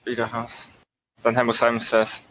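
A man's voice: mid-range voice, completely flat delivery, normal speed, a crowd in the background, poor audio. A man in a casual gameplay chat, calling out numbers and letters in bursts and swearing under stress. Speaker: let's play host.

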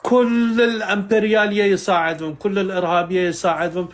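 A man, a native Persian speaker, calling into a live stream and speaking halting Arabic in an earnest, solemn way. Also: sits high, level tone. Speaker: caller. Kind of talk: political call-in chat.

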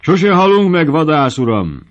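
A man doing a booming jovial stout old man. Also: big pitch swings, muffled recording. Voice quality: boisterous, raised voice.

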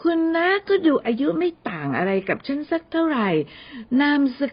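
A woman's voice: sits high, sing-song, normal speed, muffled recording, pitched above the performer's own voice. Name: Amy. A woman voicing a sarcastic, nasal young secretary. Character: sharp-tongued young female secretary. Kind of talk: audio novel character voice.

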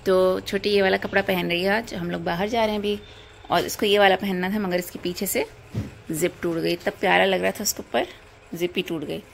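A woman's voice: medium pitch, steady tone, fairly quick, gravelly. A middle-aged mother vlogging casually, greeting viewers and narrating a family car trip. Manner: warm greeting, plain commentary. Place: at home, then in a car. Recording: noisy phone recording in a car.

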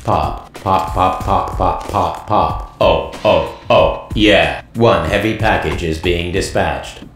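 A man voicing a malfunctioning mail-sorting robot in a video game, stuck repeating error messages and popping sounds in a flat announcer delivery. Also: low-pitched, slow, creaky, heavily acted. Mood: glitching. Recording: echoey game audio over music. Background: game background music.

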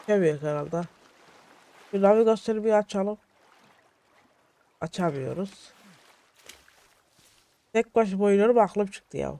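A young man giving excitable solo let's-play commentary, jittery and shouting at his in-game companions. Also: high-pitched, measured pace, creaky, long pauses. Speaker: gaming YouTuber.

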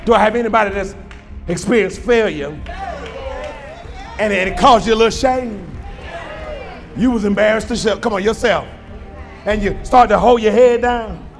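A male pastor preaching a sermon with call-and-response, swinging from shouts to hushed lines. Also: high-pitched, creaky. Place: church sanctuary.

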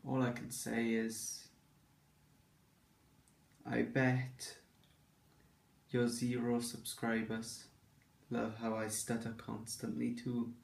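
A man's voice: mid-range voice, completely flat delivery, slow pace, vocal fry, long pauses, darkish tone. A young man in a casual vlog, sarcastically reading out comments and giving dry comebacks, recorded in an echoey room with the camera at a distance. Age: young adult. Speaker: vlogger. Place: small indoor room at home. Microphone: camera mic a little away.

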